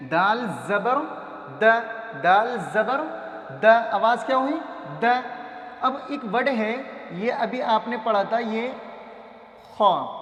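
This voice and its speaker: A man teaching children to read letters, sounding out syllables slowly and asking and answering his own questions. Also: sits high. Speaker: Quran reading teacher. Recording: echoey room.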